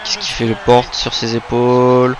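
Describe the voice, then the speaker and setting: A man with a mid-range voice and lively intonation gives play-by-play of a video game wrestling bout at normal speed, calling moves and exclaiming at big ones. The audio is dull, with background noise.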